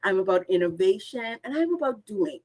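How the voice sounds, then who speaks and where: A woman from the islands, a guest speaker introducing herself on a video call, energetic and expressive. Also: medium pitch, brisk, rough recording. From Bahamas. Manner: energetic, expressive, listing words in lively runs. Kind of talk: upbeat conversational self-introduction.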